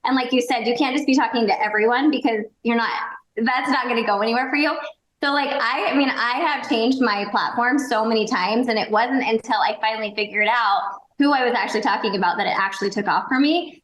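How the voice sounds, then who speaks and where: A woman's voice: fairly high pitch, a little fast, fairly bright tone. Chatty woman in her forties, roomy echo. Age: 40s. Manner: candid, chatty, frequent "like". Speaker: guest, makeup seller. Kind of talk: casual interview chat.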